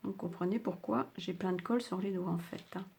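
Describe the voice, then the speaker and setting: An older woman walks viewers through a craft project in a low, soft voice, a little worn by a sore throat. She chats along casually, full of little fillers and restarts. A faint hiss sits behind her. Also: fairly even intonation, fairly quick, gravelly. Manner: chatty, hesitant, many fillers. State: slightly sore throat, speaking softly. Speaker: craft tutorial host.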